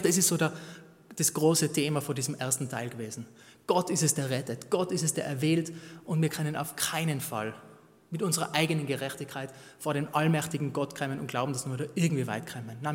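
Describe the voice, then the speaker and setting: Earnest preacher in a reverberant hall. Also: male voice, on the high side. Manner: earnest, reads scripture aloud then explains it in plain talk; frequent restarts and repeated words. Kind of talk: sermon with Bible reading.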